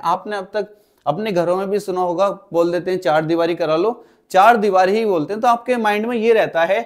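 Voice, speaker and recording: A male teacher giving an exam-prep spelling lesson, steadily explaining and calling his students "kids" again and again. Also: sits high.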